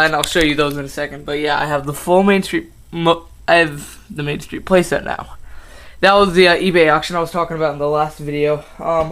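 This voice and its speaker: Talking through his toy collection in a casual update vlog, this teenage boy of fifteen keeps saying um, restarting and correcting himself. The voice is on the high side, pushed and bright.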